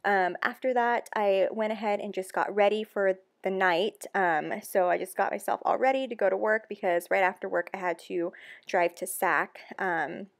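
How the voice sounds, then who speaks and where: A young woman narrates in a casual, confessional voice-over. Her talk is loose and chatty, full of ums and likes. She stays candid and emotional, with her voice at an average pitch for a woman. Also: moderate pace. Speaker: planner vlogger.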